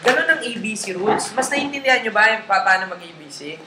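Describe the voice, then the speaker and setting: Coaching a group in a live session, this male network marketing trainer speaks fast in a high, expressive voice with a sharp tone. His casual Tagalog is mixed with English, and he keeps checking in with his listeners. Faint background noise sits under a roomy echo.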